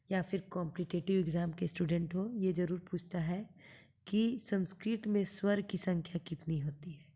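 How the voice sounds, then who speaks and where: Woman teaching a lesson, dark husky voice with some fry, slows right down to sound things out. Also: on the low side, muffled recording. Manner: patient, asks questions then answers them; draws out sounds slowly when demonstrating. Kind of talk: classroom lesson explaining grammar.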